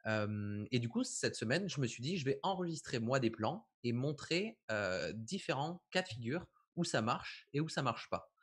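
Husky-voiced man explaining effects. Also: mid-range voice, very animated, moderate pace, few pauses. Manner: casual, explanatory, frequent fillers. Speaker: visual effects trainer. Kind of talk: live software tutorial chat.

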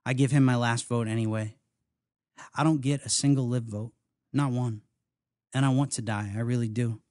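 A man reading aloud from his memoir at a live reading, in an earnest, measured and rhythmic way. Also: mid-range voice, steady tone, darkish tone, dry recording, studio quality. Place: house reading event, indoors.

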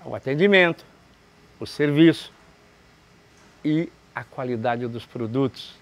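A Brazilian man, a restaurant owner in his fifties, answering interview questions in a halting way with many restarts, recorded indoors in a large restaurant. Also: mid-range voice, faint music behind. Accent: Brazilian Portuguese. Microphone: camera close framing, seated.

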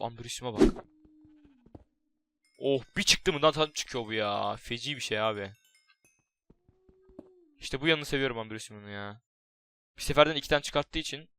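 A young man giving casual, jokey game commentary, excitable and swearing, chatting to his in-game pet. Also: on the high side. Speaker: gaming YouTuber. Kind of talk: casual Minecraft let's play commentary.

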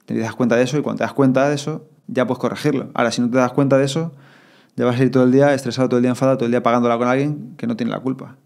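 A man's voice: mid-range voice, gravelly. A man with a Spain Spanish accent, talking casually as a podcast guest and acting out his own thoughts. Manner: fast, animated, acts out inner thoughts in quotes.

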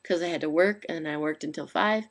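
A woman's voice: low-pitched, brisk. A young woman from Minnesota talking casually into her webcam late at night while she has the hiccups, rambling with lots of "like" and "um". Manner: chatty, rambling, frequent "like" and "um" fillers. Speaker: vlogger. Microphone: webcam microphone.

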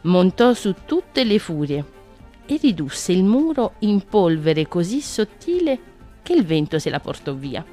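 A woman reading a children's picture book aloud on the radio, gentle and expressive. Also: on the low side, measured pace, faint music behind. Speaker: children's story reader. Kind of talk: storybook reading.

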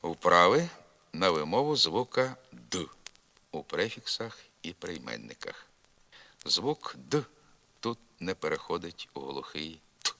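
A man teaching pronunciation, reading out word drills slowly and with careful articulation. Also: low-pitched, big pitch swings, creaky, pushed and bright. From Ukraine. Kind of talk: slow recorded diction lesson with word drills. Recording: vinyl record rip.

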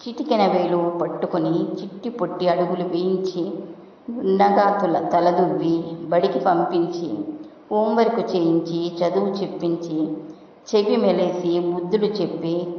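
A woman narrating a short story in the first person, with a steady, even delivery. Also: lowish voice. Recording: distant dull echoey hall recording.

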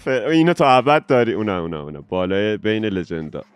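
A man's voice: on the low side, smooth. A man hosting a mobile gaming video, chatting casually and joking with a friend while talking to his viewers. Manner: lively, joking, addresses viewers directly. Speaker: gaming streamer host.

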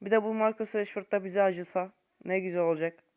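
A young man giving casual gameplay commentary to viewers in an informal, slangy way, swinging between low muttering and frustrated shouting. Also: fairly even intonation, a little fast, clear, resonant tone. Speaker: gaming YouTuber.

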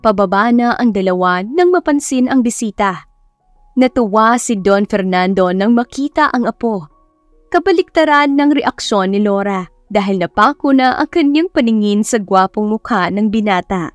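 A woman narrating a romance story in a steady, scripted storytelling voice. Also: mid-range voice, normal speed, dry recording, soft background music.

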